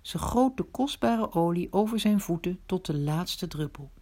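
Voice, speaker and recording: Expressive woman telling a story. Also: on the low side, normal speed. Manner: expressive, swings between hushed and indignant. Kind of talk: dramatic first-person storytelling monologue.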